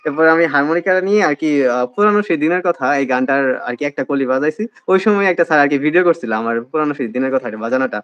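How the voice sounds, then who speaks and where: A man's voice: on the high side, expressive, very fast, a bit bright, dry recording. A young man telling the story of his admission test in a casual interview, with a Bangladeshi Bengali accent and many hesitant fillers. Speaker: admission candidate, guest.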